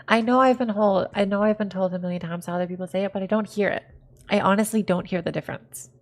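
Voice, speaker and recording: Giggly, self-deprecating woman streamer from California, middle pitch, rambling casual chat. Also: steady tone, fast talker. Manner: repeats words over and over, testing pronunciation. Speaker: live streamer.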